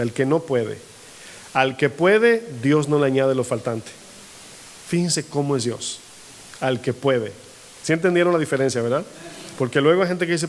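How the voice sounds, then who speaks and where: A man with a fairly high-pitched voice preaches to his church. He stops often to ask the congregation questions. He plays out quoted people with lifted pitch. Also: slight background noise. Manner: asks the congregation frequent call-and-response questions. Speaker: pastor. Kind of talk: sermon. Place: church hall.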